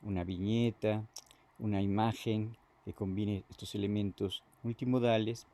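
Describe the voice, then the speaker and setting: A man giving a lecture as a teacher, halting and repeating words, often filling pauses with "este". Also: lowish voice, fairly even intonation, mellow.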